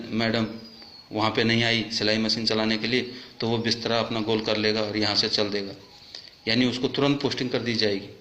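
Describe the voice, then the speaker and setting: A man, a soldier, delivering an impassioned complaint, firing rhetorical questions and rising to loud outbursts. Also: fairly low pitch, roomy sound, slight background noise.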